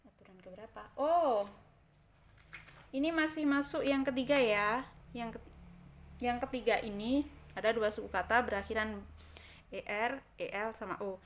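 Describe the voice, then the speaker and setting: A woman with an Indonesian accent and a fairly high voice explains English grammar in a recorded lesson, with a little hiss or hum. She repeats example words slowly and keeps checking that listeners follow, asking "kan?" and "oke?".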